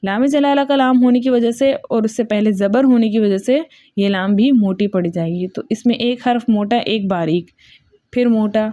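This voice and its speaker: This tajweed lesson features a woman with a fairly high, dark voice speaking Urdu in a Pakistani accent, recorded dry. She explains the rules of Quran recitation with patient repetition, makes sure her listeners follow, and slowly chants verses.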